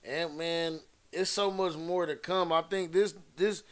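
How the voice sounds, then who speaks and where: Man, casual slangy chat, smooth resonant voice, dry close sound. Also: a little high, steady tone, a little slow, no echo. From Detroit. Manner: laid-back, slangy, emphatic. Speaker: podcast co-host.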